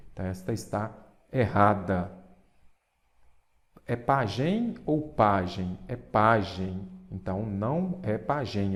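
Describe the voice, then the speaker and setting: A male teacher with a Brazilian Portuguese accent and a low voice walks through an exam-prep lesson. He explains step by step and keeps asking questions that he answers himself. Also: a little mellow.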